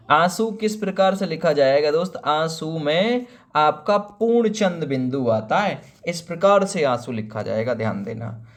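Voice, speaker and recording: A man teaching a spelling lesson for exam preparation, asking rhetorical questions, drawing out words letter by letter and calling viewers friend. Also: fairly high pitch. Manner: explains each option, asks rhetorical questions; familiar, calls viewers friend and brother.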